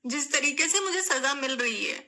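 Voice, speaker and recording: A woman's voice: sits high, expressive, moderate pace, pushed and bright. A young woman vlogger speaking straight to her viewers, tearful and pleading, repeating her phrases as her voice breaks. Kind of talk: emotional vlog statement to camera.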